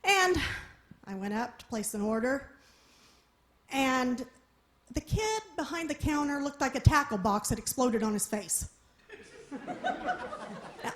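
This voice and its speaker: A woman's voice: sits high, big pitch swings, unhurried, pauses often. A woman performing a stand-up comedy set, telling a story and acting out the people in it, laughing at her own jokes. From small town. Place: live comedy venue with audience.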